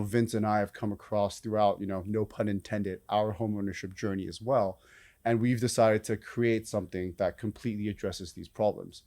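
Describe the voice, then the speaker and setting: A young man answering as a startup co-founder in a relaxed way, full of "you know" fillers. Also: lowish voice. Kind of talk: casual interview answers.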